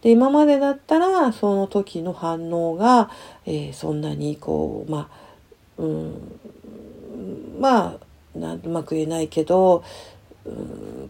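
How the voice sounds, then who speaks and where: Gravelly middle-aged woman counselor musing. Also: deep voice. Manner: soft, hesitant, with many fillers and lively sound words. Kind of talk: reflective personal storytelling.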